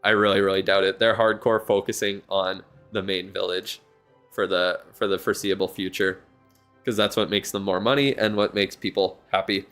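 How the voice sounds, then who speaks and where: A man's voice: deep voice, steady tone, moderate pace, a bit bright, soft background music. A tired man streaming live, giving casual, rambling commentary on a viewer's game account and thinking aloud with lots of fillers. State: yawning, tired.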